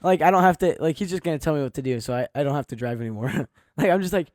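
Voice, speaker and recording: A man's voice: a little high, rapid-fire, no room sound, studio quality. A young man co-hosting a podcast, laughing easily and filling his talk with "like" in casual chat. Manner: giggly, easily amused, says "like" a lot. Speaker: podcast co-host.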